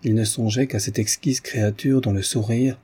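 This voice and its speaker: A man narrating a classic novel as an audiobook, reading in a measured, expressive way. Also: medium pitch, slightly rough.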